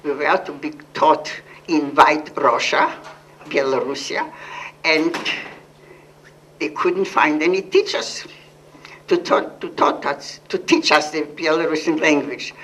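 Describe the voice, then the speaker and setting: Speaking to an audience, this older Polish Holocaust survivor shares earnest testimony in a Polish accent, pausing and correcting herself often mid-sentence. Her voice is low with a fairly bright tone. The low-quality recording uses a distant mic and carries slight background noise.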